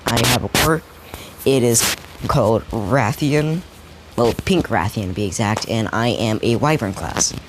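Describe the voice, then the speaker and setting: A man voicing a shy wyvern girl introducing herself in class, in a flat, halting way with restarts. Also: mid-range voice, heavy background noise, close to an everyday voice.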